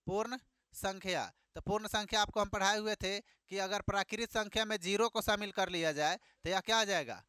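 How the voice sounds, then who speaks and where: A man's voice: high-pitched, fairly even intonation, a little fast, sharp tone, smooth, no echo, studio quality. A man teaching a classroom math lesson, asking questions and repeating each answer back. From Bihar, India.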